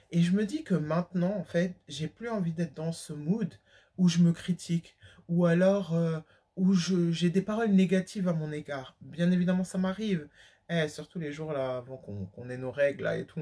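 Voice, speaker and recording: A woman's voice: lowish voice, mellow. A young woman from France talking candidly to her viewers in a casual vlog, emphatic and full of slang and fillers. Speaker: vlogger. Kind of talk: casual talk to camera.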